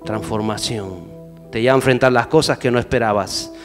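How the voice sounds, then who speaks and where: A male pastor preaching to a congregation. He rises to loud urging and drops to low, quiet lines, often turning to questions. His voice rings out with a long hall reverb over soft background music. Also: moderate pace. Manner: swings between loud exhortation and low quiet asides; addresses the congregation with repeated questions. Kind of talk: sermon.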